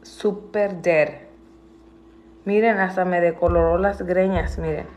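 A woman's voice: on the low side, fairly even intonation, slow, a little mellow, a little hiss or hum. A woman, chatting casually on a livestream. She mixes with English, swears freely and sounds indignant. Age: adult with a school-age daughter. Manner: switches between Spanish and English, swears, indignant.

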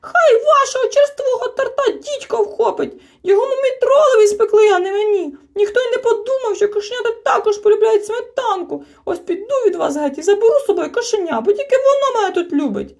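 A woman voicing a small, touchy young male creature who whines and sulks in a shrill voice. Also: sing-song, a little fast, mellow, exaggerated voice. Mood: shrieking. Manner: shrill, sulky and complaining.

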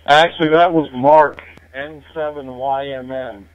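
A man's voice: mid-range voice, measured pace, background noise. Man over a tinny radio intercom. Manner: relaxed and chatty, ends turns with radio sign-offs. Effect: heard through a two-way radio, like a helmet intercom. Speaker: amateur radio operator. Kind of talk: casual radio check-in chat. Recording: tinny narrowband radio transmission.

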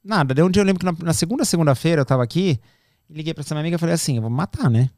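A Brazilian man with a Brazilian Portuguese accent rattles off stories at breakneck speed in a fairly high voice. He acts out the dialogue he quotes, recorded dry and close. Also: racing, a little mellow, no echo. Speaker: podcast guest. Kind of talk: casual storytelling.

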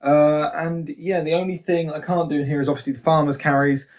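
A man's voice: a little high, level tone, fairly quick, lo-fi sound. A young man, giving a casual, rambling tour of his home gym while holding the camera. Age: 20s. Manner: chatty and self-deprecating, rambling asides. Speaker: strongman vlogger. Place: small university bedroom, indoors. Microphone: handheld camera, phone at arm's length.

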